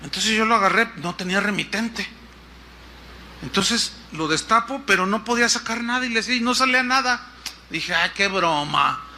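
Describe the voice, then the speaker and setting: High-voiced Mexican pastor telling a story. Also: male voice, brisk, a little hiss or hum. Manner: animated, acts out dialogue with shifting pitch. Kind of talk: storytelling sermon.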